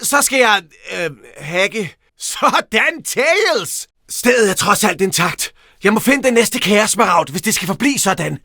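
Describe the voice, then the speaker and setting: A very high, bright voice for a young hedgehog hero in a video game. He is cocky, playful and quick with a teasing jab. The delivery is energetic, and the sound is dry and close. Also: dry recording, full character voice. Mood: alert, casual. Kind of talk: animated video game voice acting.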